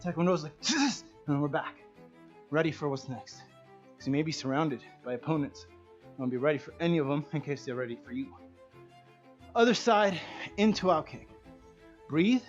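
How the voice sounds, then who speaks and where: A man teaching a martial arts kicking class, counting reps loudly and chatting and joking with students between sets. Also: fairly high pitch, fairly even intonation, fast talker, muffled recording, faint music behind. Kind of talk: leading a live kicking workout class.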